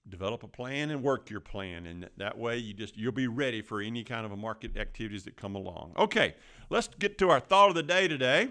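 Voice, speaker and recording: Folksy male podcast host with gravelly creak. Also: medium pitch, expressive, brisk, bright, forceful tone. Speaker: financial advisor. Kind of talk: conversational financial advice podcast.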